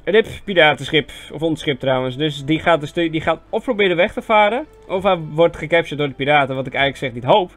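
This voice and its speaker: A young Dutch man giving casual, self-mocking commentary on a strategy game, chatty with sudden excited yelps. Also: on the high side, a little fast, few pauses. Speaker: gaming video host. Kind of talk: casual let's-play commentary. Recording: faint game music behind voice.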